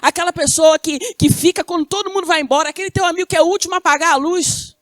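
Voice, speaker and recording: A woman's voice: extremely high pitch, very fast, no echo, clean studio sound. A woman from Rio de Janeiro with a Carioca accent, preaching a sermon who asks the congregation questions and answers them herself. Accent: Carioca Brazilian Portuguese. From Rio de Janeiro, Brazil.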